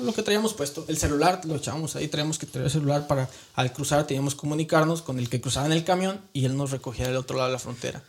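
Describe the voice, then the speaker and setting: A man with a Mexican accent recounts his life in an interview. His voice sits on the higher side, and his talk is earnest and colloquial, full of tag questions and restarts. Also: darkish tone. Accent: Mexican Spanish. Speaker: guest. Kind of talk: emotional personal storytelling.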